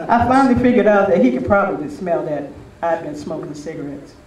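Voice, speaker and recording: Speaking at a spiritual retreat, an older man shares informal anecdotes and reminiscences with a gathering. He talks at a normal speed in a high-pitched voice, and a crowd can be heard in the background. The recording is roomy, with a distant mic and faint noise.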